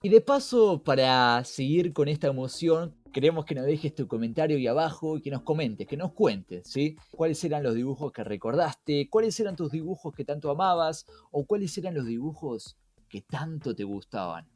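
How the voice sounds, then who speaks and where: A slightly mellow, fairly high-pitched man's voice comes through expressively at normal speed. He's a podcast host with an Argentine accent who speaks conversationally over music, engaging the audience with rhetorical questions.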